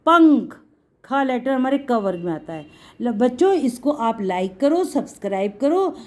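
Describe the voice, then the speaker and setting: A high-pitched woman gives a patient Hindi lesson to children. She stretches out her words as she explains each letter and warmly calls her pupils "beta". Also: animated. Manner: patient, drawn-out explaining, addresses students as beta. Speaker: Hindi teacher.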